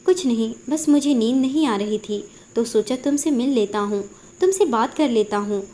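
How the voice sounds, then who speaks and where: A woman's voice: fairly high pitch, moderate pace, dark tone, close to an everyday voice. A woman voicing a sly, menacing young man of twenty-eight in a spoken Hindi story, reading his lines in a coaxing way.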